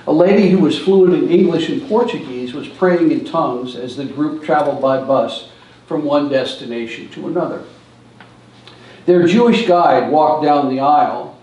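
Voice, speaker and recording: A slightly high, darkish voice belongs to an older man delivering a church seminar talk. He tells stories and gestures from a lectern in a large hall, heard from a distance with an echo.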